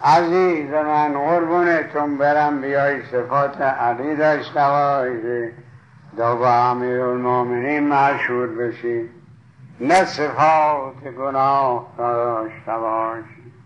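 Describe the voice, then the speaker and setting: A man's voice: mid-range voice, fairly even intonation, fairly bright tone, highs cut off. A man preaching a sermon, retelling stories with quoted dialogue and fondly addressing his listeners. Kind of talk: sermon storytelling.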